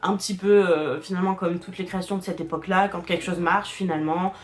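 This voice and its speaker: A woman narrating a casual explainer voice-over. She hesitates a lot, fills pauses and restarts her sentences. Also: fairly low pitch, steady tone. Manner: hesitant, many fillers and restarts, laughs often. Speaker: video creator explaining internet history. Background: faint background music.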